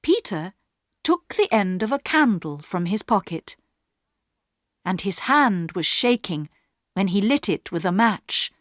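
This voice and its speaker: A woman narrating a story in slow, clearly paced English for learners. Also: mid-range voice, big pitch swings, a bit bright, no echo, studio quality. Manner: clear, carefully paced reading.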